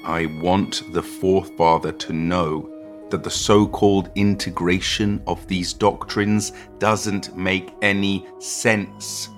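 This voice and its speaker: A man voicing an ailing middle-aged scholar who speaks quietly and deliberately. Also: sits low, steady tone, faint music behind. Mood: calm. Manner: quiet, measured, weary.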